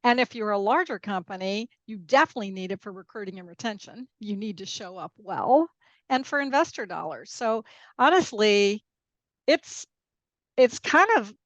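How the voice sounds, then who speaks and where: Raised in Peru and Mexico, this woman is a podcast guest and international corporate lawyer who lays out her views emphatically in a conversational interview, frequently checking in with the listener. Her mid-range voice is expressive and fairly bright, at a normal pace, with no room sound.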